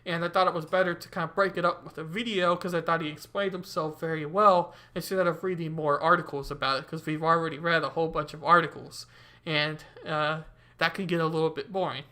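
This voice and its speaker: Male stream host, casual rambling commentary, a bit high and bright. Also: steady tone, fairly quick. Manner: rambling, loose, many fillers. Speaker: show host.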